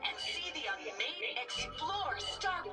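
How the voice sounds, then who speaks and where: A bright, bouncy female robot guide with a metallic, synthetic edge, her pitch sitting high and leaping all over the place. She sells like an eager theme park mascot in a game. The sound is set back from the mic, over background music. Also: very animated, a little slow, distant mic, exaggerated voice. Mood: cheerful. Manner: sing-song, overly cheerful sales pitch.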